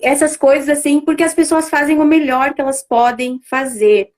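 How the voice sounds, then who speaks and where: High-voiced woman, chatty. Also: fairly even intonation, moderate pace, a little mellow. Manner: conversational, many fillers and restarts. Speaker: family constellation facilitator. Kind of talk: casual live-stream talk.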